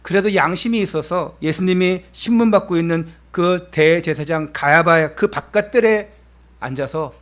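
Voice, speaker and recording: A man's voice: a little high, normal speed. Man preaching a Sunday sermon. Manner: dynamic preaching, swinging from emphatic lines to hushed, soft phrases; asks the congregation direct questions. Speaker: pastor. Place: church service.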